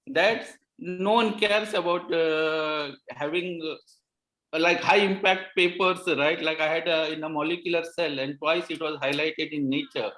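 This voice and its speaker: A man speaking on an online panel, his voice a little higher than usual. He gives earnest, halting advice and often restarts his sentences. The audio is roomy and echoey. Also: steady tone, bright, forceful tone. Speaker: pathology resident panelist.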